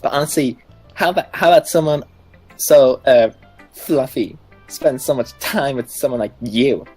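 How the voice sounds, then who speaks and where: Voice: mid-range voice, normal speed, darkish tone, breathy edge, faint music behind, lightly acted. A player reading aloud the lines of a prickly teenage girl from a visual novel, blunt and teasing. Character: prickly teen girl club member.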